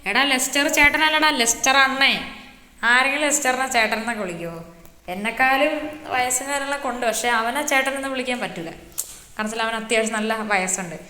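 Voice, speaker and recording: Voicing a laid-back grown man who shows off his city, a woman speaks fast in a sharp, fairly high voice. The game role-play is casual, with a bragging, teasing big-brother attitude, recorded with roomy echo.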